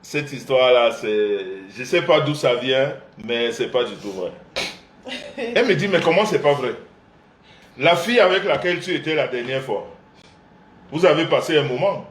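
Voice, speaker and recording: Animated storytelling man, echoey room. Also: medium pitch, normal speed, slight background noise. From Central Africa. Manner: acts out his mother's and father's voices, laughing often. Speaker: host of a couples live show. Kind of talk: animated storytelling to a live audience. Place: indoor room, livestream.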